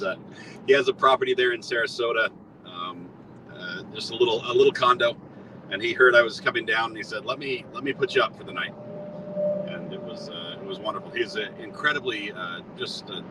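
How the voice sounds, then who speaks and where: A man's voice: medium pitch, fairly quick. A man talking in a good-natured, chatty way over a hands-free speakerphone from his moving car. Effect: hands-free car speakerphone call. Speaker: guest. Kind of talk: casual chat. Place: in a moving car on a long drive. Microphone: hands-free car phone. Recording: distant speakerphone with road noise.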